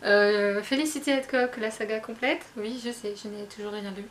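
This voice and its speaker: A woman's voice: mid-range voice, steady tone, normal speed, a little hiss or hum. A woman talking casually about her books to her viewers, chatty and self-mocking with lots of fillers and restarts. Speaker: book vlogger. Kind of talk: casual chat.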